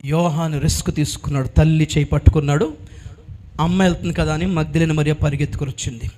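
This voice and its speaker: A pastor preaching with a high voice in lively storytelling. He swings through the scenes dramatically and keeps urging his listeners to shout hallelujah. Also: fast talker, slight background noise. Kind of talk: sermon.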